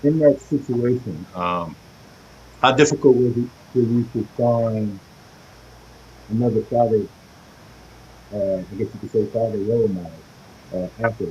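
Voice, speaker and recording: A man's voice: lowish voice, warm tone. Muffled man on a phone call, as if heard through a wall. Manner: halting, hesitant, with many restarts. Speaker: participant in a group video call. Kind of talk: casual group discussion. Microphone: phone on a video call. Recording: muffled, dull phone audio with faint noise.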